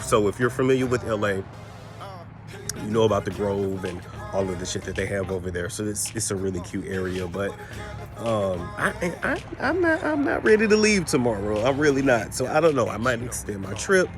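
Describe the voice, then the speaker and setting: A man's voice: fairly low pitch, very animated, normal speed, over music. A man in his thirties vlogging in a casual, rambling, slangy way, talking straight to his viewers and swearing freely. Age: 30s. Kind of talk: casual vlog chat.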